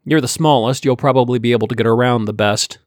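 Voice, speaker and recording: A man voicing a wry, commanding male ship captain who talks briskly and sardonically. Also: mid-range voice, steady tone, dry recording, studio quality, lightly acted. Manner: brisk, sardonic, giving orders.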